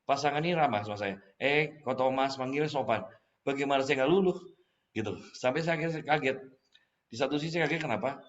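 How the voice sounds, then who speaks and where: A man gives a casual church testimony, his voice sitting at an ordinary middle pitch. He tells the story with animated energy and acts out his own past lines. The recording is slightly muffled and dull. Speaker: testimony speaker.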